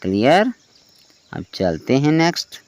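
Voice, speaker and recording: Slow, careful man teaching spelling rules. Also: mid-range voice, big pitch swings, no echo. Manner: slow, spells words letter by letter, asks "clear?". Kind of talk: explaining English spelling rules.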